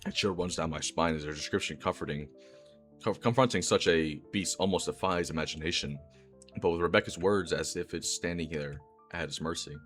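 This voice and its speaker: A man's voice: low-pitched, brisk, a bit bright, faint music behind. A young man reading first-person narration in a voice-chat role-play, casual and jokey between readings. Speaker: player and narrator.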